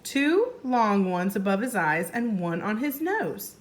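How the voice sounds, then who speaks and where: Reading to young children, a woman who teaches first grade gives the story an expressive delivery in a medium-pitched voice. Along the way she stops to explain and to pose questions.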